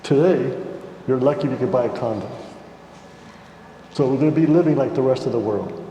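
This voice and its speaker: A middle-aged or older man with an American accent gives unscripted, measured and explanatory remarks as a panelist. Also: medium pitch, warm tone. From United States. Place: large reverberant indoor hall. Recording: echoey hall, faint background noise.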